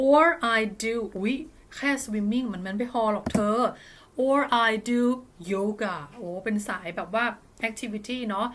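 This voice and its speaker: A Thai woman teaching an online English lesson, speaking English slowly and carefully between quick, chatty explanations. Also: fairly high pitch, bright, forceful tone.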